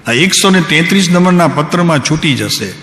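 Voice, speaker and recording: Man giving a calm discourse in an echoey hall. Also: fairly high pitch. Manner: unhurried, calm delivery; asks listeners direct questions. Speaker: spiritual teacher. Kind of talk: devotional discourse. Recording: echoey hall, faint background noise.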